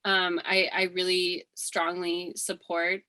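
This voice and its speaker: A woman from Hawaii running for office, answering forum questions earnestly, with many pauses, fillers and restarts. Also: lowish voice, monotone, sharp tone, poor audio. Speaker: political candidate. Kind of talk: candidate forum interview answers.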